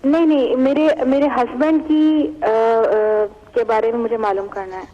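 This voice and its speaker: A woman's voice: fairly high pitch, fairly even intonation. A woman calling in to a show, speaking hesitantly with restarts. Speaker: caller. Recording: dull phone line with echo.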